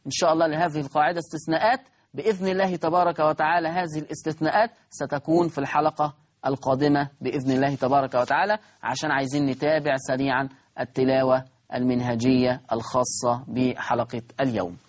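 A man with an Egyptian accent teaching Quran recitation, repeating words slowly to show how they sound and asking his listeners rhetorical questions. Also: a little high, level tone. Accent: Egyptian Arabic. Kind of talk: recorded recitation lesson.

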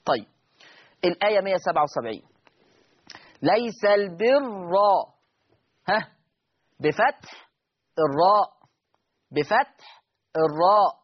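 High-voiced Egyptian teacher, muffled sound. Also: male voice, animated, normal speed, pauses often, husky. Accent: Egyptian Arabic. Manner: patient, repeats key points, quizzes students. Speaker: Quran recitation teacher. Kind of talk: explaining a recitation lesson.

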